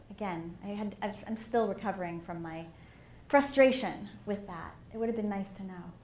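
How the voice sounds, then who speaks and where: A middle-aged woman giving a candid, animated personal talk as a conference speaker on a stage microphone. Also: a little high. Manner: candid and animated, with emphatic swells. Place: conference hall. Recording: echoey hall with faint room noise.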